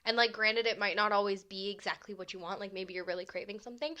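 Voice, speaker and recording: A woman's voice: mid-range voice, steady tone, quick pace, sharp tone. A woman in her twenties co-hosting a podcast, chatting casually with lots of "like" and laughs. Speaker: podcast co-host. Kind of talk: casual chat.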